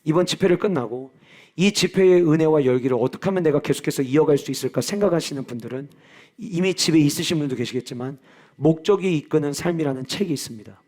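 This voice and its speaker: A man's voice: fairly high pitch, quick pace, darkish tone. A male pastor preaching in a church, earnest and personal. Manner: earnest, personal, with acted-out quotes. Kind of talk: sermon. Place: church sanctuary.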